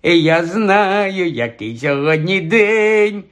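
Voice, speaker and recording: A man's voice: mid-range voice, wildly swooping pitch, a little fast, fairly bright tone, heavily acted. A man voicing a spoiled, bullying plump boy with a taunting, whiny sing-song manner in an audiobook. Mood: mocking. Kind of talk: audiobook character voice.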